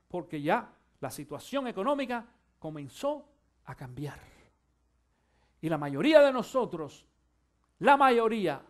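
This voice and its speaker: A male pastor preaching a sermon, shifting from quiet musing to loud, fervent exhortation and urging his listeners to listen. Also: high-pitched. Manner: addresses listeners directly, urging them to listen.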